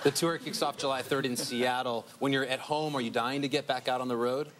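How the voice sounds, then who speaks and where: A man hosting a late-night talk show, asking a band chatty, quick questions. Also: mid-range voice, steady tone, background noise.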